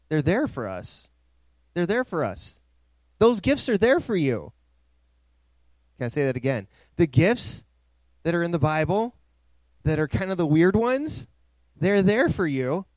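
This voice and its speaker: A man's voice: on the high side, a little mellow, no echo. Man preaching a sermon. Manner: preaching with rising, emphatic swells. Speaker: pastor.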